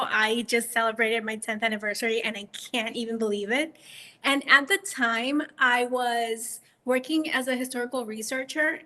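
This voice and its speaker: A woman's voice: sits high, a bit bright. A woman from the Dominican Republic, an author on a panel, telling her story with enthusiasm. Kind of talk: conversational panel talk. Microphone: video call.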